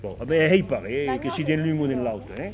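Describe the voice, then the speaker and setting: A man's voice: medium pitch, lively intonation, fairly quick, a crowd in the background. A man, carefully explaining how local place names are pronounced to a group, often restarting his sentences. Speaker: local place-name researcher. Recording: muffled lo-fi room recording with group.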